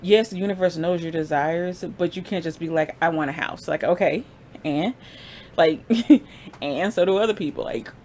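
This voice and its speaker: A woman's voice: on the low side, normal speed, darkish tone, a little hiss or hum. A woman giving a casual pick-a-card tarot reading, conversational and informal, laughing often as she talks. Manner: informal slang, frequent fillers. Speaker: tarot reader.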